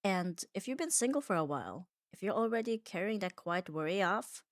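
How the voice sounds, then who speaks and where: Brisk, with lively intonation in a mid-range voice, she delivers scripted comfort ASMR, earnest and reflective and punctuated by short emphatic phrases. The woman recorded this as an ASMR audio performer in a clean studio with no echo.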